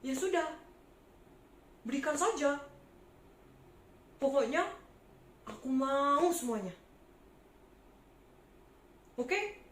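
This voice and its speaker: A woman's voice: high voice, lively intonation, extremely slow, long pauses, echoey room, a little hiss or hum, full character voice. A woman voicing a greedy, bossy male tax collector who demands money with scolding insistence. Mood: bossy demanding.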